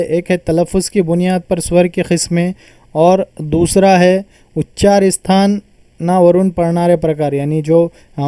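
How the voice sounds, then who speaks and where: A man's voice: high voice, dark tone, smooth, no room sound, studio quality. A man teaching a grammar lesson, patiently explaining and repeating terms as he sounds them out.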